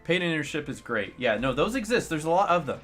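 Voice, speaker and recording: A man's voice: a little high, big pitch swings, fast talker, fairly bright tone, faint music behind. Ranting man in his late twenties. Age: late 20s. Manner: ranting, sarcastic, reads and answers chat. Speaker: streamer. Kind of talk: casual livestream chat while playing a game.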